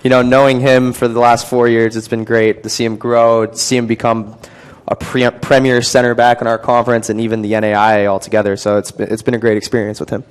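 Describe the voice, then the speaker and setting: A young man, a college soccer player, answering interview questions in a relaxed, easygoing way. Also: medium pitch, fast, hardly any pauses, clear, resonant tone. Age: young adult.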